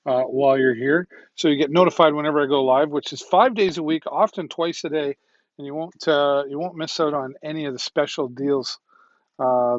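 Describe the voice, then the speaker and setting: A man's voice: on the high side, dry recording. Male livestream shopping host, casual and rambling, slightly worn voice, dry and muffled audio. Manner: rambling and chatty, with frequent ums and "right?". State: slightly losing his voice. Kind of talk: casual product demo livestream.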